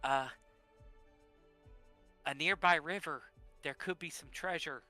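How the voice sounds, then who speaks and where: A man's voice: fairly high pitch, slow, sharp tone, faint music behind. A man chatting casually as a player in a tabletop roleplaying game.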